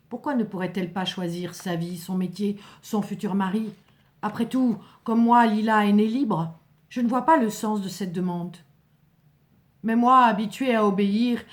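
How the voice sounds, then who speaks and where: A woman's voice: medium pitch, darkish tone. Woman narrating a solemn dramatic story. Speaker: narrator reading a first-person story.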